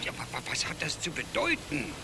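An actor playing a puzzled man who watches and comments haltingly, in a radio play. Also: on the high side, wildly swooping pitch, vocal fry, over music, full character voice. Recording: loud background noise.

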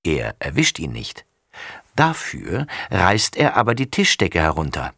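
A man reading a children's story aloud with lively, expressive narration. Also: low voice, a little slow, gravelly, no echo, clean studio sound.

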